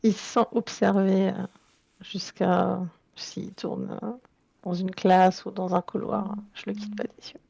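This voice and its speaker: A woman player in a tabletop role-playing game, describing her character's actions in a slow, measured way with pauses. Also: medium pitch, flat delivery, creaky, mellow, husky, no echo, lo-fi sound.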